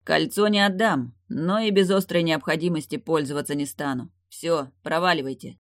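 A sardonic young warlock, as the reader plays him, calm and grinning through every line. He speaks in a dry, close storybook voice with only a slight lift in pitch. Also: normal speed, no room sound, close to an everyday voice. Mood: curt.

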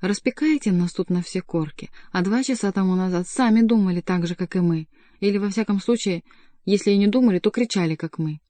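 A woman's voice: medium pitch, a little fast, dark tone, no echo, natural voice. A woman reading the part of a defiant young nobleman in an audiobook, reproachful.

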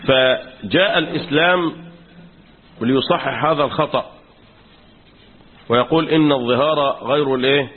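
A man's voice: medium pitch, breathy edge. A man with an Egyptian accent, a sheikh teaching Quran commentary in a classroom lecture, who keeps quizzing the class with fill-in questions. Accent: Egyptian Arabic. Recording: tinny phone-like recording.

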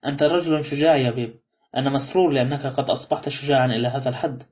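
Guy doing a calm older ex-con in an audiobook, talks quiet and quick. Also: medium pitch, lightly acted. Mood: earnest. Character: older male ex-convict, calm and grateful.

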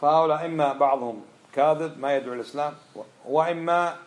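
Fast, fiery man. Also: on the high side. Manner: fiery, fires off rhetorical questions. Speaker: religious teacher. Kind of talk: impassioned religious lecture.

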